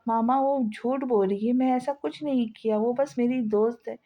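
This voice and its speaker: A woman's voice: a little high, moderate pace, dark tone, lightly acted. Woman voicing an indignant young man. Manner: protesting. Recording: slightly dull lo-fi sound.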